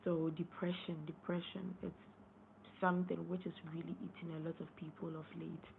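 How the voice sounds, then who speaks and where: On a late-night live stream, a young woman talks casually in a gravelly, hoarse, low-pitched voice at a moderate pace and a level tone. She wanders from point to point, says words twice and keeps clearing her throat. Everything sounds tinny and phone-like, with faint background hiss.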